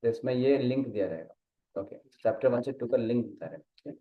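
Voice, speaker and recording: A man's voice: medium pitch, lively intonation, fairly quick. Echoey Hindi-English Gita teacher, man. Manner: checks understanding often, explains step by step. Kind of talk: casual class teaching, mixing Hindi and English. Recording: dull muffled sound in an echoey room.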